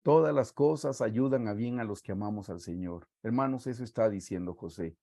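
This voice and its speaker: A man with a Guatemalan Spanish accent preaching a sermon, reading scripture aloud and stressing words slowly for emphasis. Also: on the low side, vocal fry, warm tone, no echo, clean studio sound. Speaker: pastor.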